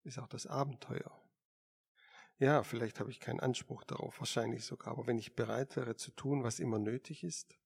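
A man's voice: medium pitch, fairly even intonation, a little fast, creaky, slightly rough. A man doing a restless, demanding man. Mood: wistful. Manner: indignant, demanding. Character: restless man, eager for adventure. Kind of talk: audiobook character reading.

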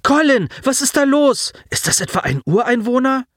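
A man voicing an excitable young man stranded on an alien world, asking eager, keyed-up questions. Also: very high voice, normal speed, no echo, studio quality, voice pushed up, exaggerated voice. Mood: excited.

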